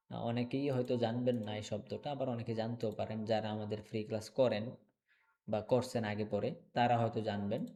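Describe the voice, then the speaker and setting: A man teaches an online class in a mid-pitched, everyday voice. He drills each word several times and keeps checking that everyone is following. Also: mellow. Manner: slow, repetitive drilling of words, checks in with "okay?". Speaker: English teacher. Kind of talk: online English lesson.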